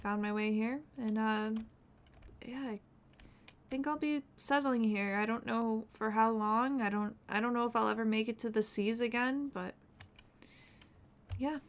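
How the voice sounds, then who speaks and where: A woman playing a young seafaring wanderer in character, talking softly and hesitantly. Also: fairly high pitch, steady tone, a little slow, long pauses. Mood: calm. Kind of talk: in-character roleplay.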